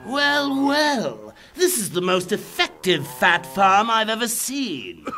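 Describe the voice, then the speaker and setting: A man's voice: high voice, sing-song, takes it slowly, over music, full character voice. A man voicing a gleeful, menacing clown crime lord in a comic-book drama, theatrical, sardonic and taunting. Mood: flippant scheming. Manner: theatrical, drawling, sardonic, cackling.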